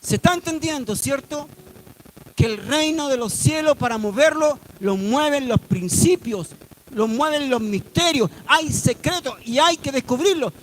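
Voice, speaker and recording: A man's voice: extremely high pitch, measured pace, a little hiss or hum. A man preaching a sermon in a church hall, emphatic and full of rhetorical questions. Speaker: pastor.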